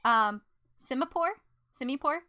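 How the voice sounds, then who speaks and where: A woman's voice: high-pitched, animated, moderate pace, very noisy. A young woman hosting a casual gaming chat, swearing, laughing and mimicking game sounds with her voice. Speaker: streamer host.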